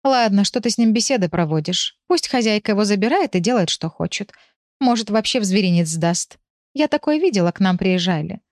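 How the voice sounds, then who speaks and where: A woman doing a blunt, sharp-tongued female pet. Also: medium pitch, expressive, a little fast, no echo, clean studio sound, close to an everyday voice. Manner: snorting, blunt.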